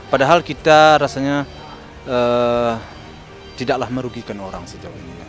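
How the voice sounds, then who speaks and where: A middle-aged man speaking earnestly and carefully to reporters, pausing often with fillers. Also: mid-range voice. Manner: measured, earnest, many fillers. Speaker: interviewee, family member.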